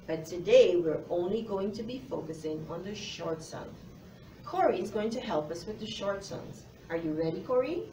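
A woman's voice: mid-range voice, animated, moderate pace, warm tone. Woman teacher talking to little kids, encouraging, roomy classroom, bit distant with faint noise. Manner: encouraging, addresses young children directly. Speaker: phonics teacher. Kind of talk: children's lesson presentation. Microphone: far camera.

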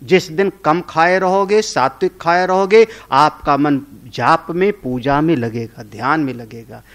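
Slow, fairly high-voiced male preacher. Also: a bit bright. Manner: conversational, often checking with listeners; tells homely stories. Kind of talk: sermon on scripture.

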